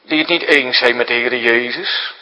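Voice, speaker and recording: Preacher man in an echoing church. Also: moderate pace. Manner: explaining to children, rises high for emphasis, drops to a hushed whisper. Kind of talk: sermon.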